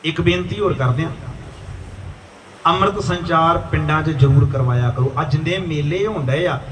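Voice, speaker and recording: A man preaches at a religious gathering and tells a story with lively, animated delivery, slipping into the voices of its characters. His voice sits high for a man. The sound is roomy and echoing, picked up from a distance over faint background ambience. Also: moderate pace, slight background noise. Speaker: dhadi preacher. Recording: echoey live stage, heard from afar, faint ambience.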